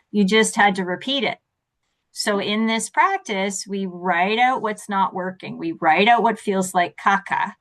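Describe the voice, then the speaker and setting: A woman speaking as a success coach in an interview, animated and laughing often, acting out the voices she quotes. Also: mid-range voice. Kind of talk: interview conversation.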